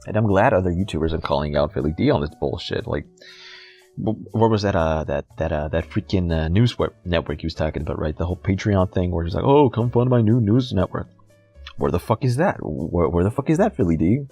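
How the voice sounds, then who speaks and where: A man's voice: low voice, darkish tone, breathy edge. A man giving a heated, profane and sarcastic rant as a YouTube commentator. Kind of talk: ranting commentary vlog.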